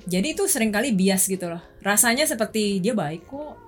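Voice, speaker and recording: A woman's voice: medium pitch, lively intonation, fairly quick, faint music behind. A young adult woman from Indonesia, a guest on a chat show, telling candid personal stories in a casual way.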